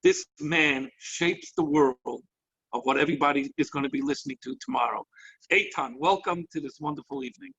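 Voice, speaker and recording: A man hosting as a rabbi over a video call, effusive and excitable, jumping between thoughts. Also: a little high, fairly quick, creaky, husky. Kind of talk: enthusiastic hosting. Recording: muffled lo-fi online call audio.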